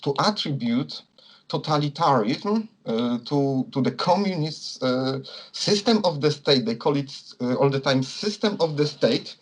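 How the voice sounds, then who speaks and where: A man from Poland with a Polish accent, a non-native speaker answering interview questions in a hesitant, halting way, searching for words. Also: a little high, expressive. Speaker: interviewee, communist political activist.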